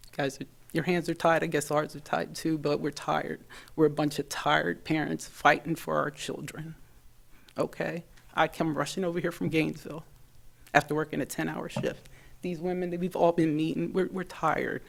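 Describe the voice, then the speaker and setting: A middle-aged woman, a parent, giving an earnest, emotional public comment at a school board meeting, halting at times. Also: low-pitched, flat delivery, creaky.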